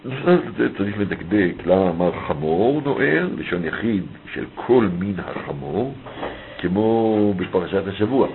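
A man's voice: lowish voice, expressive, vocal fry, slight background noise. A man teaching a text study lesson, reading a passage aloud and then explaining it phrase by phrase. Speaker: Torah teacher. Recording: thin phone-like audio with faint ambience.

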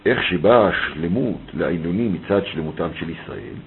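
Lower-voiced man teaching over thin audio. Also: slight background noise. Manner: reads a passage aloud, then explains it phrase by phrase. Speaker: Torah teacher. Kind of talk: text study lesson. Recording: thin phone-like audio with faint ambience.

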